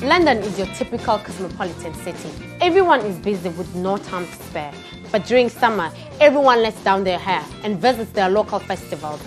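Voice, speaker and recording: A woman narrates as a presenter in a scripted documentary style. Her pitch is medium, and faint music runs beneath her words. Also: sing-song, a little fast.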